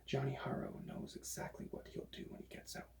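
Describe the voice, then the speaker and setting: A man doing a whispered role-play as a librarian recommending books, in a hushed, breathy library whisper. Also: a little fast.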